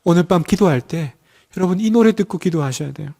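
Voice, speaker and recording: A middle-aged man preaching a sermon and leading prayer, emphatic and rhetorical, dropping to a hushed voice at tender moments. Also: high-pitched, lively intonation, fast talker, gravelly. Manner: emphatic, rhetorical questions to the congregation. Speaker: pastor.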